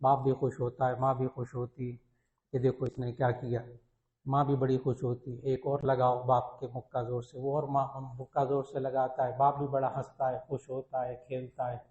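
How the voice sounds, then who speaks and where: A man's voice: medium pitch, monotone, a little mellow. A man with a Pakistani Urdu accent, a religious scholar giving a sermon, telling stories earnestly and repeating his key points for emphasis. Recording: echoey, dull lo-fi recording.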